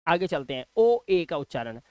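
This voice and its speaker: A man teaching English pronunciation in a classroom style. He asks questions, answers them himself and repeats each example word slowly. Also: a little high, sing-song, darkish tone, dry recording, studio quality. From India.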